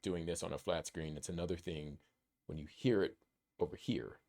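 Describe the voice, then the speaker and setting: Deep-voiced, enthusiastic podcast co-host man. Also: normal speed, gravelly, a little mellow. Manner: enthusiastic, rambling with fillers. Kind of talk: casual chat.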